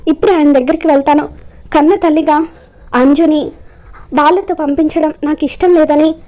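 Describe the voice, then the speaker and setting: A woman's voice: sits high, steady tone, normal speed, warm tone, close to an everyday voice. A woman reading the lines of a spirited, hot-tempered young mother, in her own narrating voice. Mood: feisty.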